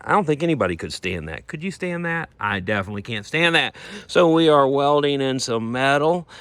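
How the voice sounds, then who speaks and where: A man talks his way around a vehicle outdoors in a loose, rambling vlog style. He drifts off track and apologizes, then leans into a mock infomercial pitch with obvious relish. His voice sits at an ordinary middle pitch. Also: a bit bright, no echo. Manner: rambling, loses train of thought, playful sales-pitch tone. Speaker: vlogger showing a vehicle giveaway. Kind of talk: casual walkaround vlog.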